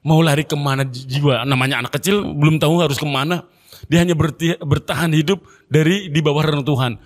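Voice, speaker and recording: Indonesian man preaching in a reverberant mosque. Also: a little fast. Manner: conversational, addresses congregation as Pak, rhetorical questions; lively pitch swings, voice drops low and soft when moved. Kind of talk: dawn mosque sermon. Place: mosque hall. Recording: long mosque hall reverb.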